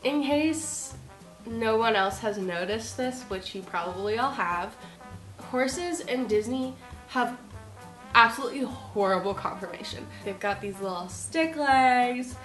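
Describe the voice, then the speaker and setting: A woman's voice: a little high, measured pace, fairly bright tone. A woman with a stuffy nose from a cold, chatting casually and rambling in a vlog about horses. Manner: chatty, rambling with frequent ums and likes. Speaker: horse vlogger. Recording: echoey room with music behind. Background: music playing.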